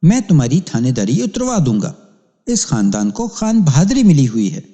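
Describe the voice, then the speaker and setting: A man's voice: medium pitch, wildly swooping pitch, mellow. A man voicing an arrogant middle-aged landowner who talks in a haughty, blustering way. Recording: long hall reverb.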